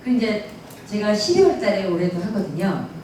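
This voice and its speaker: A woman's voice: medium pitch, very animated, normal speed, a crowd in the background. A woman giving a casual, folksy lecture on pansori and answering questions. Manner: chatty, folksy, mimics dialect phrases. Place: lecture room at a cultural center. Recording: echoey hall, distant mic.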